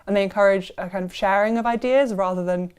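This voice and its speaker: A woman's voice: medium pitch, fast talker, a little mellow, clear, resonant tone. A young woman, a university student speaking thoughtfully and earnestly in an interview. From South Wales. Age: young adult. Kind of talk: casual interview testimony.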